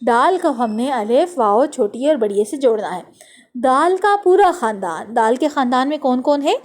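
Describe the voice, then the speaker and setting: A woman teaching an Urdu phonics lesson to young children, sounding out letters and words slowly and clearly, with a Pakistani Urdu accent. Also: high voice, lively intonation. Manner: slow, drawn-out letter-by-letter sounding out.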